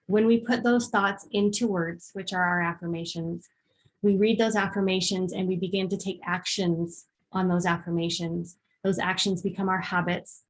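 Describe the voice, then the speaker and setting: Woman leading a casual workshop. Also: lowish voice. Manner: conversational, with frequent ums and acted examples. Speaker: workshop presenter.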